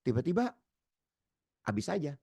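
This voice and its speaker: A man giving a seminar lecture, addressing the audience directly and acting out quoted dialogue with sudden loud, high outbursts. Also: very animated, normal speed, creaky, husky, no room sound, studio quality. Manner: addresses audience as Bapak Ibu. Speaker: trainer.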